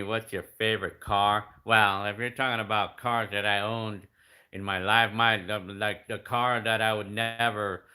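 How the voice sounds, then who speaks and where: A man's voice: on the low side, pushed and bright. Rambling fifty-year-old man reading comments. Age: 50s. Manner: rambling, hesitant, many restarts and fillers. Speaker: YouTube creator answering comments. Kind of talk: casual chat reading viewer comments.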